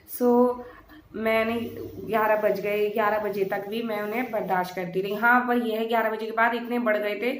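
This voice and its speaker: A woman's voice: medium pitch, echoey room. A young woman vlogger telling her own birth story, retelling it vividly and acting out her own pleading. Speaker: mom vlogger. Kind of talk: personal birth story vlog.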